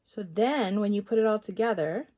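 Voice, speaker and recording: A woman's voice: mid-range voice, moderate pace. A woman demonstrating a card-making technique in a chatty tutorial, thinking aloud as she works. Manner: chatty, thinks aloud, drops into soft asides. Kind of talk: crafting tutorial.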